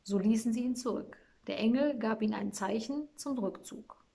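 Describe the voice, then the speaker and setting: A woman reading a Christmas storybook aloud in a calm, measured storytelling manner. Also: a little high, vocal fry.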